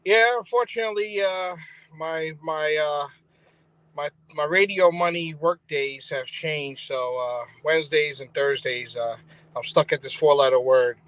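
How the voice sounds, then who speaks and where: A man joining a live stream as a guest in casual chat, halting with many fillers. His voice is muffled and tinny, as if inside a metal tank underwater. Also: a little high, a bit bright, clear, resonant tone, dry recording.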